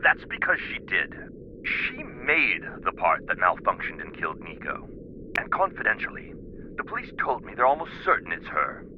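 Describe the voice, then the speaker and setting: A man's voice: low-pitched, big pitch swings, moderate pace, noisy background. An actor playing a busy, confiding male scientist in a video game, matter-of-fact, in dull-sounding audio. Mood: confiding, certain.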